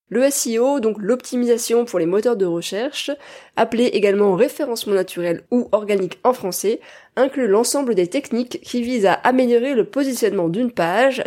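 A woman hosting a podcast interview, friendly and quick to laugh. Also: medium pitch, warm tone. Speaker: podcast host.

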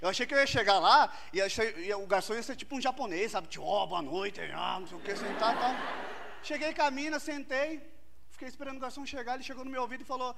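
A man doing a stand-up comedy routine on stage, telling a story loudly to a laughing audience. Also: very high-pitched, fast talker. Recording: live stage recording with loud crowd noise.

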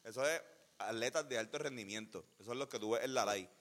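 Joking Puerto Rican podcast co-host. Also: male voice, medium pitch, fast talker, a bit bright, big-room sound. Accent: Puerto Rican Spanish. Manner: joking, swears freely, rambling with restarts. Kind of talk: casual chat.

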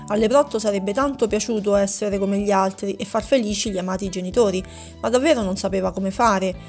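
A woman narrating a children's story in a steady, gentle storytelling manner. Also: medium pitch.

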